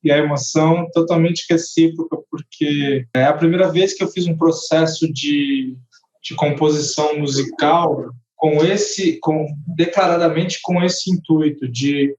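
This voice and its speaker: A man's voice: a little high, steady tone, measured pace, darkish tone. A man, a rapper and composer, talking thoughtfully in a casual panel conversation, often restarting his phrases. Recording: echoey, muffled online call audio.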